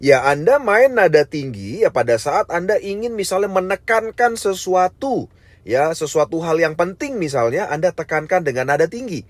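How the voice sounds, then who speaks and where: Man coaching with swinging pitch and pace. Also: very animated, normal speed, dry recording. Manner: varies pitch and pace on purpose, frequent tag "ya"; addresses listeners as "sahabat sekalian". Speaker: network marketing trainer. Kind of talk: online training lecture.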